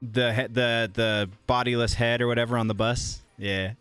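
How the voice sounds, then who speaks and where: A man's voice: mid-range voice, flat delivery, normal speed, fairly bright tone, clean tone, no room sound, soft background music. Rambling man hosting a live news show. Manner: rambling, self-correcting, chuckles often. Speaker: host of a pop culture news livestream. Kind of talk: casual live news commentary.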